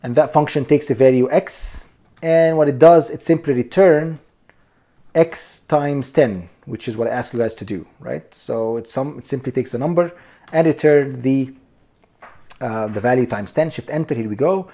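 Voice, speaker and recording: At a moderate pace and with a dark tone, a man's mid-range voice teaches programming over a screen recording. The instructor explains each step, calls his viewers "you guys," and checks in with "okay?" and "here we go."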